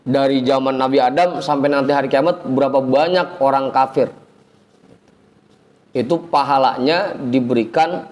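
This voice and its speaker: A man teaching an informal religious lesson, chanting Arabic phrases slowly, then explaining in a chatty, teasing way. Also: mid-range voice, darkish tone. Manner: chatty, teasing the audience, colloquial asides. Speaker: ustadz teaching a religious study circle.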